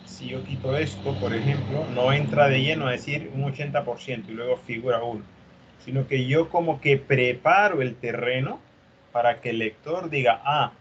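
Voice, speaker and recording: A man's voice: mid-range voice, normal speed, lo-fi sound, a little hiss or hum. A male teacher lecturing an online class, explaining step by step and often checking for understanding.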